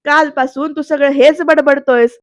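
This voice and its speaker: An irritated young woman who scolds and snaps back, read out by a female narrator. Her voice is high and fairly flat in pitch. It is recorded dry and close, with no room around it. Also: moderate pace, dry recording, lightly acted. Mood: exasperated. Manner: scolding, exasperated.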